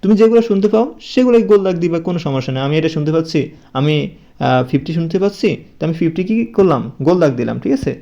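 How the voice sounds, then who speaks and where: A man's voice: a little high, animated, rapid-fire, warm tone, highs cut off. A man giving a casual spoken English lesson to young pupils, repeating numbers patiently and often checking with "okay?".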